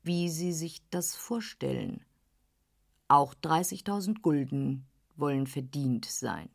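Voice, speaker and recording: Eine Frau, die in einer Hörbuchlesung einen herablassenden, berechnenden älteren Herrn spricht, langsam und gönnerhaft. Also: female voice, animated, gravelly, no room sound, clean studio sound, full character voice. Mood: patronizing. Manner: slow, patronizing, low and soft. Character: condescending older gentleman, smooth and calculating. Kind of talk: audiobook reading.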